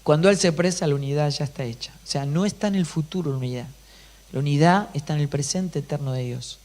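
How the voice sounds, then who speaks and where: A pastor delivering an emphatic sermon, often putting rhetorical questions to the congregation. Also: male voice, fairly high pitch, fast, a little mellow.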